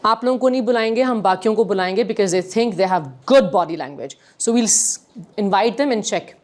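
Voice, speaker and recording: A woman teaching a workshop on communication, switching between English and Urdu in quick, lively bursts. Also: medium pitch. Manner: animated, mixes English and Urdu, rapid bursts. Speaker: communication skills trainer.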